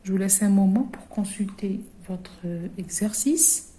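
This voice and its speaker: Slow, patient woman teaching young children. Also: medium pitch. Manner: patient, repeats each word and often trails off to a hush. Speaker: primary school teacher. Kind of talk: recorded classroom lesson for children.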